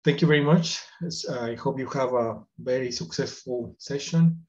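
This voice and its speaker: A man in his thirties from Guatemala, a forest engineer and economist, giving a recorded talk at his desk in a measured way, with many fillers and restarts. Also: medium pitch, a little mellow, lo-fi sound. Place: indoors, virtual background.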